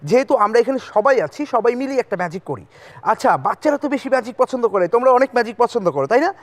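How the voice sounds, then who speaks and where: Here a man's very high-pitched, expressive voice moves at a quick pace as he hosts a kids' magic show. Storytelling alternates with short prompts to the children, and music plays behind him.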